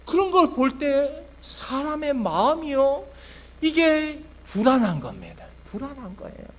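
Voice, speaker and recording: A male pastor preaching a sermon to his church, passionate, dropping to hushed tones and then rising to loud exclamations. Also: extremely high pitch, sing-song, a little slow. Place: church sanctuary.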